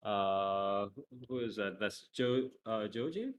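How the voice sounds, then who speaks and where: A man co-hosting an anime podcast, chatting casually with frequent laughs and quick asides. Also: on the low side, lively intonation, slight background noise. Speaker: podcast co-host.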